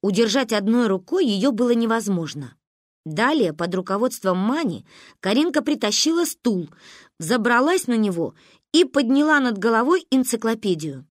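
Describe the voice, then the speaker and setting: A woman narrates a humorous story with lively, expressive delivery. Her voice sits fairly high and moves a lot in pitch. The recording is close and dry, with no room sound. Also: moderate pace, dry recording.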